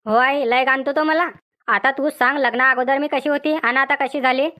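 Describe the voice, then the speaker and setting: A woman's voice: sits high, steady tone, moderate pace, pushed and bright. A woman voicing a complaining young village wife in a cartoon comedy, with a rural Vidarbha Marathi accent. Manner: whiny, complaining.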